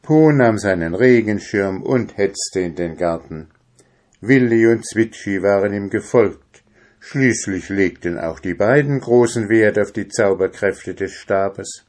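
A man narrating a children's story in a gentle, storytelling manner. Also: on the low side, a little slow.

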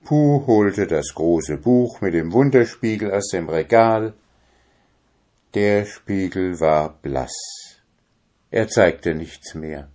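Slow-reading male storyteller. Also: sits low, animated, warm tone. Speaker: narrator. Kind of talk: children's audiobook narration.

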